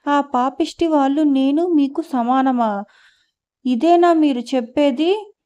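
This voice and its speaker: A woman's voice: high voice, takes it slowly, mellow. A woman reader voicing a furious, proud middle-aged wife who scolds and confronts her husband in an audio novel. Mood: angry.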